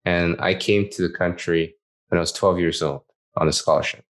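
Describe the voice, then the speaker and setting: Male host from Malaysia, very low voice, hesitant and thoughtful. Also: steady tone, normal speed. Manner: hesitant, with restarts and fillers. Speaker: podcast host. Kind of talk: casual podcast interview.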